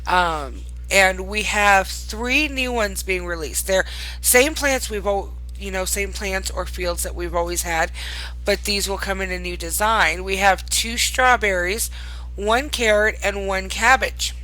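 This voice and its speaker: Woman, bright voice, middling pitch, casual game showcase host, gushing and fond, a bit tired. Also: measured pace, poor audio. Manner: gushing, fond of cute things. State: tired late at night. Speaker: host presenting new items in a virtual game world.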